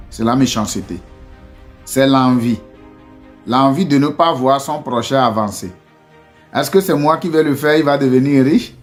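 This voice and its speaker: An entrepreneur from Togo addresses his community in a casual, motivational talk, his mid-range voice carrying a Togolese French accent. At first he stumbles through fillers and restarts, but he moves on to pushing earnest rhetorical questions at his listeners.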